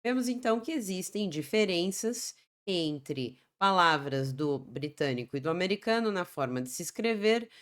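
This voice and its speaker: Professora de voz grave explicando inglês. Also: female voice, fairly low pitch, expressive. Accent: Brazilian Portuguese. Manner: explanatory, repeats example words slowly. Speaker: English teacher. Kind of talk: Portuguese-language English lesson.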